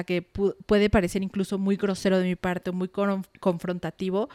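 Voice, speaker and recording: A woman's voice: medium pitch, darkish tone, smooth, no room sound. A woman, a podcast guest candidly telling a personal story with frank, mildly salty words. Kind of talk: casual podcast conversation.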